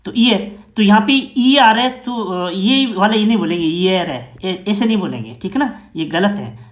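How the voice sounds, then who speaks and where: In an echoey room, a man teaches English grammar in Hindi with a high voice, lively intonation, and a moderate pace. Patient and given to repetition, he frequently asks rhetorical questions and makes sure his learners keep up.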